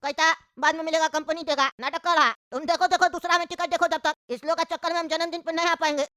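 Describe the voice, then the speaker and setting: A woman's voice: very high-pitched, steady tone, quick pace, sharp tone, no echo, studio quality. A woman voicing a grumpy, quarrelsome old grandfather in a cartoon, scolding and indignant. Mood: angry. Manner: scolding, indignant, rustic talk. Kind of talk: cartoon voice acting.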